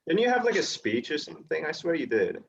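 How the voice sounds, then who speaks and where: A young man teasing his friends on a group video call and laughing often. His voice swings lively up and down in pitch. The audio comes through a bit dull and lo-fi. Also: fast talker, creaky, a little hiss or hum. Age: young adult. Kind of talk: casual banter.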